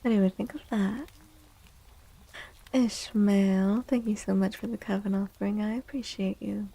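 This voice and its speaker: A woman hosting a livestream chats in a soft, gentle ASMR style close to the mic, sometimes drifting into a breathy whisper. Her pitch is medium and her tone steady at a normal speed, though the recording is rough.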